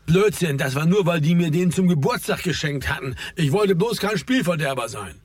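Man doing a worked-up, grumbling club organizer, raised pitch, dry sound. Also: animated, moderate pace, no echo, close to an everyday voice. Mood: agitated. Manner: worked-up, complaining.

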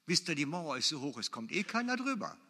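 Preacher, male: bright forceful delivery, slightly high voice, repeats his points, booming hall. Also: sing-song, brisk. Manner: emphatic, repeats key phrases. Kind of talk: sermon. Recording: long hall reverb.

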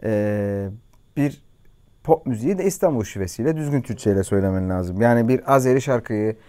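A man's voice: fairly low pitch, lively intonation, a little fast, mellow. A man in his thirties with a Cypriot Turkish accent, a singer answering interview questions in an earnest, reflective way with hesitant fillers. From Cyprus. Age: 30s. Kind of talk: casual chat. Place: studio.

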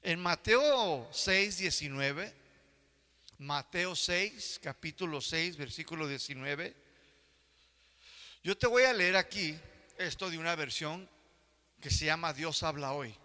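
High, bright-voiced older male preacher. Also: animated, slow pace, long pauses, big-room sound. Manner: asks the congregation for agreement. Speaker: pastor. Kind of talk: sermon.

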